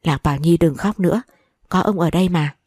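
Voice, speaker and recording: A woman's voice: fairly low pitch, brisk, warm tone, breathy edge, no room sound, clean studio sound. A woman voicing a stern, sulky old grandfather in a storybook reading, speaking in a grumbling, scolding way. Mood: soothing.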